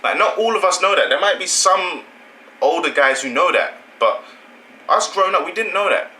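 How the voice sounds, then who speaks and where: British man, young adult, casual rambling vlog monologue, very sharp bright voice. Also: high voice, expressive, normal speed, rough recording. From England. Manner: rambling, self-correcting, conversational. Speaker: channel host.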